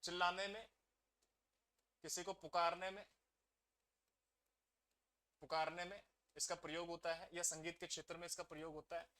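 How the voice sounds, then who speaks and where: A man's voice: a little high, sharp tone. A man teaching a grammar lesson to exam students. He keeps asking the class questions and then answers them himself.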